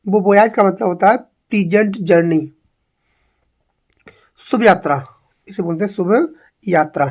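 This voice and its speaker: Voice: mid-range voice, a little slow, a little mellow. Repetitive exam-prep English teacher. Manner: drills each word by repeating it, asks rhetorical questions.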